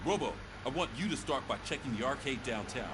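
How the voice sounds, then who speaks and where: A man's voice: mid-range voice, expressive, fast, natural voice. A man voicing a police sergeant who leads a briefing with authority. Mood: commanding. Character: commanding male police sergeant giving briefing. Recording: noisy game audio.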